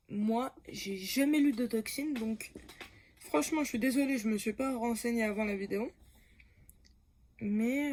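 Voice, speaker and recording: A woman's voice: on the high side, creaky. A woman talking casually about comics for her channel, hesitant, with many fillers, self-corrections and frequent laughs. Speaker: comics YouTuber.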